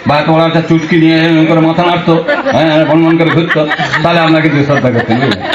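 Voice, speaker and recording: High-voiced impassioned male preacher. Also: steady tone, quick pace, crowd noise. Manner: impassioned and mocking, acts out quoted people. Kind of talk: devotional sermon. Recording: roomy, dull lo-fi recording.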